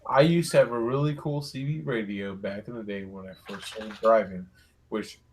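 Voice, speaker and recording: A man's voice: lowish voice, steady tone, normal speed, darkish tone, a little hiss or hum. Teasing man in his thirties. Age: 30s. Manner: teasing, profane. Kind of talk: casual group voice chat.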